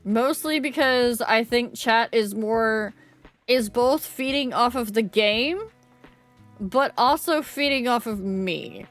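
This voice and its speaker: A woman's voice: a little high, slow pace, soft background music. A woman livestreamer chatting casually with viewers in a cute, bubbly, playful anime-streamer manner.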